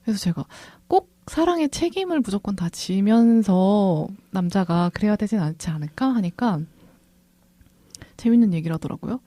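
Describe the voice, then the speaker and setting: A woman co-hosting a podcast, calmly retelling a conversation as she discusses a film. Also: mid-range voice, moderate pace, no room sound. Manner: thoughtful, retells a conversation at length. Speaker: podcast co-host, film director.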